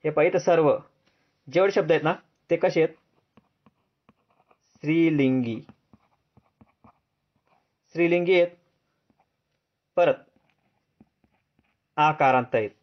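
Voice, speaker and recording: Man, Marathi accent, grammar teacher, asks and answers himself, slightly high voice, dull lo-fi recording. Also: takes it slowly, long pauses. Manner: repetitive, drills with questions and answers; answers drop low and soft. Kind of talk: grammar lesson for exam students. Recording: dull lo-fi sound.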